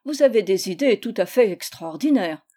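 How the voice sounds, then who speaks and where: A woman's voice: medium pitch, expressive, normal speed, dark tone, natural voice. A woman reading the part of a grumbling, put-upon old man of sixty-four in a storybook reading. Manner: complaining, pleading.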